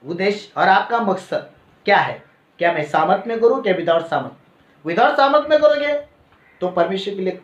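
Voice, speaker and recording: A man, preaching a sermon and telling a personal story in an animated way, often adding "है ना" and "Praise the Lord". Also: sits high. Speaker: pastor. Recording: echoey, dull lo-fi hall recording.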